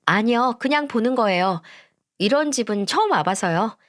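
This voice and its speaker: A woman's voice: fairly high pitch, animated, normal speed, lightly acted. A woman doing a snobbish young fiancée. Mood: haughty. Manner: sweet on the surface, dismissive and sharp underneath. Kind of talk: storybook voice acting.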